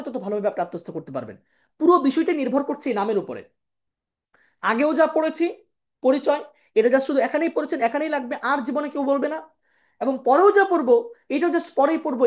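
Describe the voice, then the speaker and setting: A woman with a fairly high voice, teaching an online tajweed lesson at a quick clip. She chants Arabic terms slowly in pairs and keeps checking in with her listeners. The sound is dull and lo-fi. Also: expressive, darkish tone. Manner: explains patiently, checks in with "ঠিক আছে?" and "কেমন?". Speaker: Quran recitation teacher.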